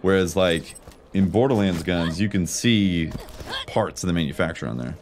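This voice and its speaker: A deep-voiced man at a moderate pace streams a video game and talks casually. His commentary is slangy and informal, more musing than narration, with the game's music in the background.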